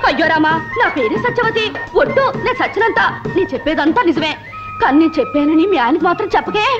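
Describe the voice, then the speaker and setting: An actress playing a gossiping, fibbing middle-aged village woman who chatters quickly, heard on a dull old film soundtrack with music. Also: extremely high pitch, expressive. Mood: gossipy.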